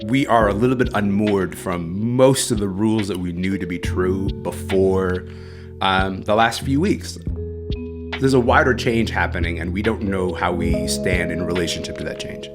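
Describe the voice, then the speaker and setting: Interview guest, man from Sudan, lowish voice, reflective and casual, faint music behind. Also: normal speed. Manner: thoughtful, reflective, with fillers like "um" and "like". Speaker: guest, culture writer. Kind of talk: interview over the phone or remote line.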